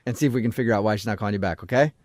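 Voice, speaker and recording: A man's voice: on the low side, racing, no room sound. A male morning radio host, playful and teasing, interviewing callers.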